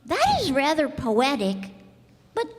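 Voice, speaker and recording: A woman's voice: high-pitched, wildly swooping pitch, slow pace, heavily acted. A woman playing an earnest, curious little boy prince from another planet in a radio play, persistently asking questions. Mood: earnest, frank. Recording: echoey hall, music behind.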